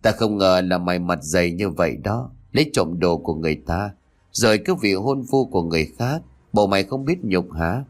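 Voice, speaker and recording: A man's voice: low-pitched, animated, a little fast, voice pushed down. A man reading as a spiteful, jealous rich schoolgirl. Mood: taunting.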